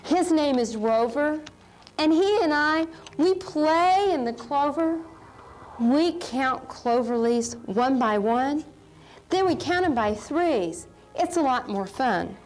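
A middle-aged woman teacher presents a children's lesson in a high, very lively voice. She takes her time and speaks straight to the viewer in simple words, with music in the recording. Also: slow, low-quality recording. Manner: addresses viewers with questions. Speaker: math teacher presenting an instructional video.

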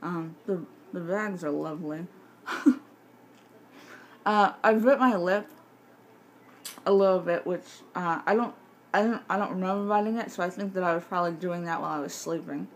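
Low-pitched woman, slightly slurred from mouth splint. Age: 20s to 30s. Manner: rambling, halting explanation. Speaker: vlogger showing jaw surgery recovery. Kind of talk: casual chat to camera. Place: home kitchen. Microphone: phone at arm's length. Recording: faint background noise, handheld device.

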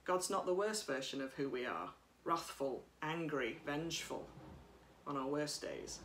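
A woman priest giving a sermon at home, speaking in a gentle, reflective way while reading from notes, recorded by a camera across a room. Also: low voice, lively intonation, measured pace, roomy sound, slight background noise. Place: living room by a bright window.

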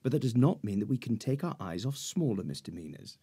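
An actor playing a pompous, fussy middle-aged lawyer in a period radio drama, formal and precise about legal procedure. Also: male voice, medium pitch, big pitch swings, a little fast, gravelly, warm tone, breathy edge, heavily acted. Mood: stern. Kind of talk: 1940s-set radio drama acting.

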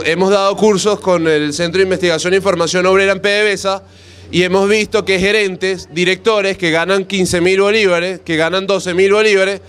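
A man in his thirties with a Venezuelan accent, speaking in a high voice. He hammers his points with a forceful, repetitive rallying cadence. He speaks into a handheld mic held close, outdoors in a plaza. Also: smooth. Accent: Venezuelan Spanish. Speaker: activist speaking on street radio. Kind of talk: impassioned political speech. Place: outdoor plaza under a canopy. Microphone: handheld mic close to mouth.

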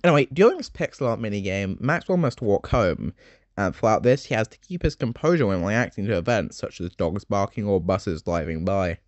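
A young man in his late teens narrating a game summary video essay, chatty and full of joking asides with dark humor. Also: lowish voice, lively intonation, fairly quick, no room sound, lo-fi sound.

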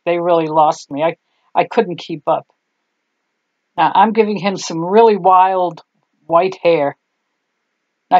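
A tired older woman, German by first language, hosts a clay craft tutorial from her home craft table, talking in a homey, rambling manner at day's end. Her voice is lowish and darkish, recorded lo-fi with no echo, indoors.

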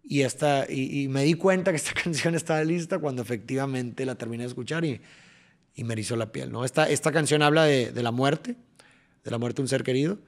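Speaking briskly at a medium pitch, this young Mexican-accented podcast guest gives casual, lively explanations. Occasionally he taps out a rhythm while he talks.

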